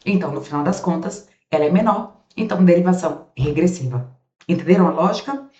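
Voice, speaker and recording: Brazilian woman, grammar teacher. Chatty, talks straight to the class, spells sounds slowly. Recorded on a camera, roomy and a bit dull. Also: fairly low pitch, lively intonation, darkish tone. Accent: Brazilian Portuguese. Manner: chatty, calls students "gente" and "amores", asks questions for them and answers them. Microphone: camera set up in front of her.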